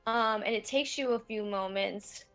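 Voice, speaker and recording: A woman's voice: on the high side, fairly bright tone, faint music behind, poor audio. A woman narrating a tabletop game as game master, describing scenes with frequent fillers. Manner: unhurried, descriptive, many fillers.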